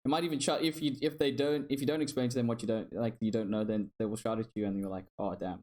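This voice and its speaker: Young male co-host, casual and rambling, stumbles over repeated words, quick to laugh. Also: mid-range voice, flat delivery, dark tone. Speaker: podcast co-host. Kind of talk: casual chat.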